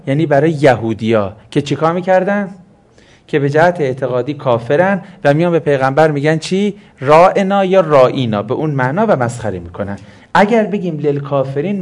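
Man teaching Quran exegesis, slightly high voice. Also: a little mellow. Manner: explanatory, rhetorical questions answered himself.

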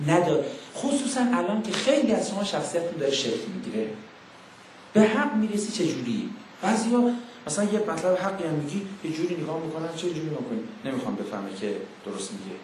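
A man delivers an emphatic sermon to a young audience in a slightly high voice. He fires rhetorical questions, acts out little mock exchanges and slows down to intone scripture. The sound rings heavily around a very echoey room, with a faint noise underneath. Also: a little mellow. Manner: intones Quranic verses slowly. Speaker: preacher.

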